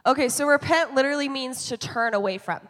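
A woman's voice: sits high, fast, a bit bright, long reverb tail. Encouraging young woman pastor. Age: 20s. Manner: encouraging, teaching with everyday examples. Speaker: youth pastor. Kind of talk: panel Q&A teaching.

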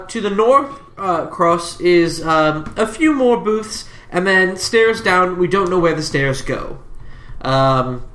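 A man's voice: sits high, pushed and bright, echoey room, heavily acted. A man voicing a male informant who briefs a crew, stumbling and repeating words as he goes. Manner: halting, stumbling over words.

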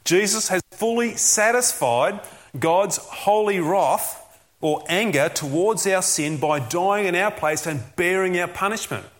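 A man's voice: sits high, expressive, unhurried, a bit bright. A man preaching a sermon as a pastor, earnest and emphatic, often asking rhetorical questions.

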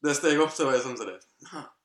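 A man's voice: mid-range voice, fairly bright tone. Chatty man in an echoey room. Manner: chatty, laughs often, many restarts. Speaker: podcast co-host. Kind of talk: casual chat.

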